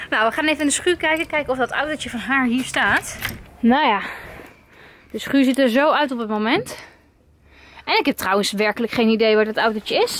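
A woman's voice: high-pitched, fairly bright tone, slight background noise. A woman in her twenties filming a family vlog, coaxing her toddler in a sing-song way and laughing often. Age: 20s. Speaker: family vlogger and mother. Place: at home and outdoors on the street.

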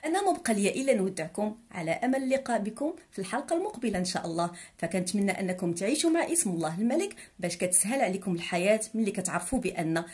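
A woman with a Moroccan accent leads a writing lesson. She names each letter and sounds out syllables several times over. Her pitch moves up and down a lot as she talks. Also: very animated, a little mellow. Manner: slow, spells letters out and repeats syllables. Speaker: teacher. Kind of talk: handwriting lesson, spelling aloud.

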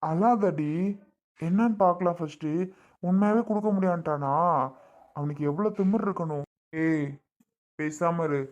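A woman's voice: fairly low pitch, moderate pace, pauses often, darkish tone, highs cut off, lightly acted. Woman playing a brash hot-tempered husband. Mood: angry. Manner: blustering, curt, commanding.

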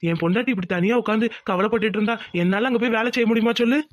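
A woman voicing a young village man in a cartoon, a hungry, doting son and caring husband who talks fast, pleading and teasing. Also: on the high side, dry recording, lightly acted. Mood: concerned husband. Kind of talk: Tamil cartoon voice acting.

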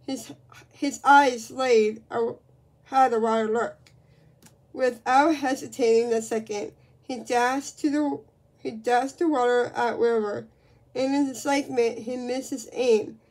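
A woman's voice: a little high, fairly even intonation, unhurried, a little mellow. A woman reading a children's book aloud, with frequent slips and restarts.

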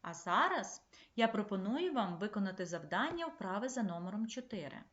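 A woman primary school teacher giving a remote lesson, speaking in clear, measured instructions to young pupils. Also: mid-range voice, very animated, fairly bright tone. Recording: echoey, slightly dull room recording.

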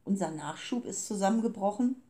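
A woman's voice: mid-range voice, lively intonation, fairly quick, mellow, natural voice. A woman reading the lines of cold, businesslike grey men who steal time, in a clipped, formal manner. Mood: panicked. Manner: clipped and formal, turning panicked.

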